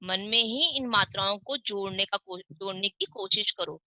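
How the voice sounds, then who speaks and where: A woman teaching young children online, with a Hindi accent, reading words slowly syllable by syllable and asking questions she then answers herself. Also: mid-range voice, pushed and bright, no echo, low-quality recording. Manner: slow, drawn-out syllable-by-syllable reading. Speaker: primary school teacher. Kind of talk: online class lesson.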